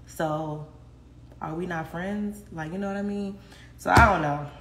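This young livestream host has a low-leaning, fairly bright voice and speaks at a measured pace. She chats frankly with viewers from her home kitchen, laughing frequently and swearing without restraint. Her phone is at arm's length, and the room is echoey with faint noise.

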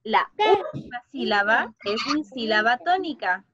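A Chilean woman teacher with a very high voice, speaking slowly and drawing out each word for young children on a video call. The sound is dull, lo-fi and dry. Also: expressive, a crowd in the background. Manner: slow, clear, drawn-out words for children. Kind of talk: online class for young children.

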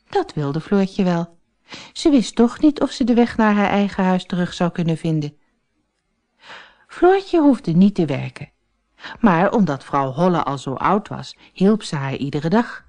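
A woman reads a fairy tale aloud for children, slowly and carefully. Her voice is fairly low but swings widely in pitch, bringing the story to life. The telling is clear and expressive. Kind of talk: scripted storybook narration.

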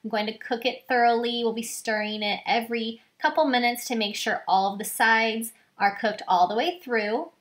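Her voice is a bit bright and on the high side, with fairly even intonation, a moderate pace and hardly any pauses. This young home cooking vlogger explains a recipe step by step, upbeat and plain, in her kitchen. A far-off camera records her, picking up echo and a faint hum.

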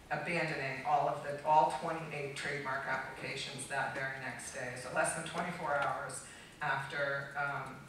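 Speaking off the cuff as a conference keynote, a middle-aged American woman who works as a trademark attorney addresses the audience in a deep, fairly bright voice. Her speech is emphatic yet halting, full of false starts. A distant microphone picks her up on a large, dark auditorium stage, with hall echo and faint noise.

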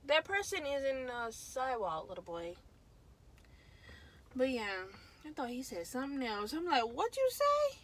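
Sitting in a parked car, a young woman vlogger chats casually to her viewers through a phone camera held close. Her high-pitched voice is very animated at a moderate pace, and she often trails off with "so, yeah" before sinking into a mumble; the recording is low quality.

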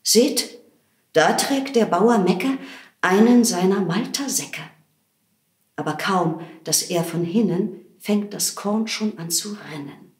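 An actress reading a children's verse story aloud in a playful way, dropping to hushed tones and jumping high for the characters, in a theatre props workshop. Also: female voice, slow pace. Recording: roomy echo.

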